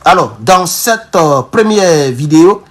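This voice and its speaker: A man's voice: fairly high pitch, expressive, slow pace. Fervent African-accented man on a political livestream. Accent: African French. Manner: fervent and exhortative, repeatedly addressing his viewers as comrades; repetitive and emphatic, often restarting words. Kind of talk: live-streamed political commentary.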